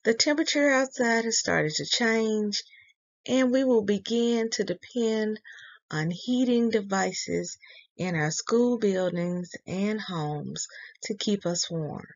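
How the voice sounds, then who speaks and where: Female school announcer, unhurried and deliberate, reading morning notices from a script on a slightly dull recording. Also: mid-range voice.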